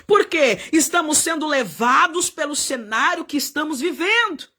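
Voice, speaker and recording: A woman missionary preaching a fervent Pentecostal sermon, often shouting and crying out hallelujah. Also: high voice, expressive, normal speed.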